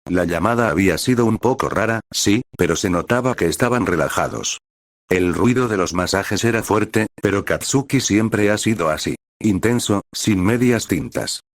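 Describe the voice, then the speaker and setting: Narrador de voz muy grave, lectura pausada de relato, sonido seco y cercano. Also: male voice, fairly low pitch, dry recording, clean studio sound. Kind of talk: first-person story narration.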